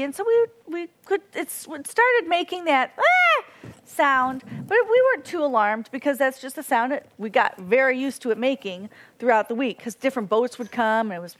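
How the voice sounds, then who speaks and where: A woman giving a devotional talk, telling a story in an earnest, animated way and imitating bird cries. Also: high voice. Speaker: devotional speaker.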